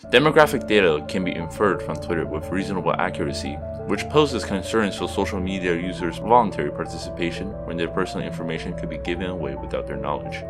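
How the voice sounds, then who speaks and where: A young man from Seattle whose first language is Chinese, reading a scripted video essay in a steady, explanatory way. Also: sits low, fast talker, hardly any pauses. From Seattle, USA. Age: young adult. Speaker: student narrator. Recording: music behind voice.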